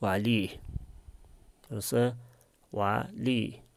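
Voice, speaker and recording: Male language tutor, low and raspy, patient question-and-answer explaining. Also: fairly even intonation. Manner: asks and answers his own questions. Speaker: language teacher. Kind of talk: explaining a text line by line.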